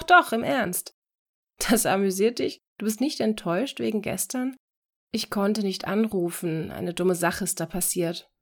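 A woman voicing a restless young man talking on the phone, excitable and quick in bursts. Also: medium pitch, close to an everyday voice.

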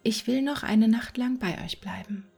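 A woman voicing a kind-hearted little male swallow in a whispered role-play, soft and pleading. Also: on the high side, moderate pace, gravelly, husky, faint music behind. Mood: tender.

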